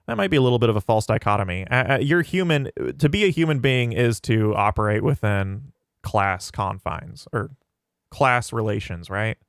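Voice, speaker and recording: Smooth-voiced man hosting a livestream. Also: fairly low pitch, expressive, normal speed, fairly bright tone, dry recording, clean studio sound. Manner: thinks aloud, ponders chat questions. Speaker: channel host reading live chat. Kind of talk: casual livestream talk.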